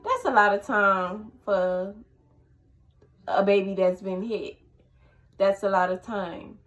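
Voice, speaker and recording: Shaken woman telling her story haltingly. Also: mid-range voice, fairly bright tone, rough recording. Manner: halting and emotional, many fillers and restarts. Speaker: vlogger. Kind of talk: personal storytelling to camera.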